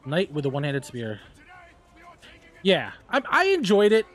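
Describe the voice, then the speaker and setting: A man's voice: fairly high pitch, wildly swooping pitch, a little slow. A man casually commenting while he plays a game on a live stream, chatty, exclaiming and laughing during fights, humming bits of tunes.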